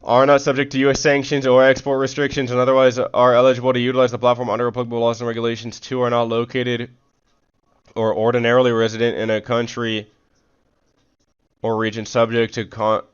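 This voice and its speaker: On slightly dull audio, a male live streamer reads formal text aloud, then slips into slangy, casual speech, stumbling over words and correcting himself. His voice is medium-pitched, clean, and quick, with a completely flat delivery.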